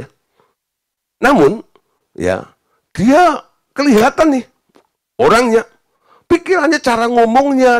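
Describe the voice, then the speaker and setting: A male pastor preaching a sermon, recounting a counseling story and acting out the dialogue. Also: medium pitch.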